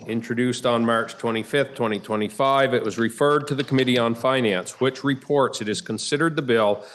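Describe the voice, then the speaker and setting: A man presiding over a state senate, running votes in brisk, routine procedural phrasing. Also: mid-range voice, a bit bright. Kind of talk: formal parliamentary procedure. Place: legislative chamber.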